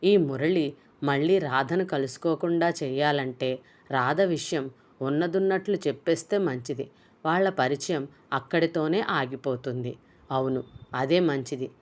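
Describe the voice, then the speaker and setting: A woman with a low voice, narrating a novel at an even, steady pace. She reads the story in a plain way. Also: normal speed. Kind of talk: novel summary and reading.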